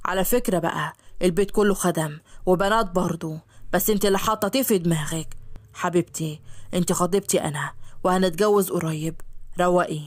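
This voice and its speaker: Woman voicing a calm rich egyptian young guy, lowish voice, talks fast, dry recording. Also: natural voice. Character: kind rich young man, gentle and calm.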